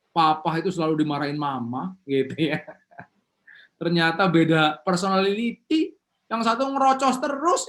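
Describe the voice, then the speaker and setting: A high-pitched man leads an online seminar over a video call as a motivational coach. He's animated and gets his audience going with call-and-response.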